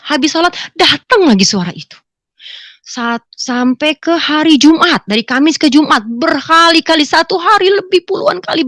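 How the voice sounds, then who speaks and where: A middle-aged woman giving a personal conversion testimony to a congregation, animated storytelling that bursts into loud acted exclamations. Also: fairly high pitch, no room sound, studio quality. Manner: animated storytelling, acts out her own exclamations loudly. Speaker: testimony speaker.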